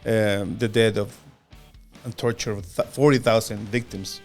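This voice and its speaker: A man in his fifties from Chile, with a Chilean Spanish accent, co-hosting a podcast in an earnest, halting way, often repeating words. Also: lowish voice, steady tone, a little mellow, soft background music. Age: 50s. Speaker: podcast co-host. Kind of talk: casual podcast chat.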